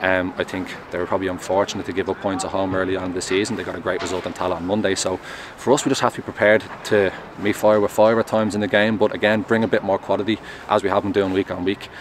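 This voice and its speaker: Fast-talking goalkeeper, noisy outdoors. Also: male voice, low voice. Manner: measured, earnest, steady. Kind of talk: post-match interview. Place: outdoors at a stadium, in front of a sponsor board at night. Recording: outdoor traffic noise.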